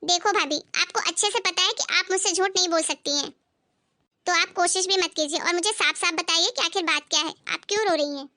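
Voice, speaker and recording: A woman voicing a caring, outspoken young married daughter who talks in a lively, direct and insistent way, in an amateur family skit. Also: very high-pitched, a little fast, no room sound.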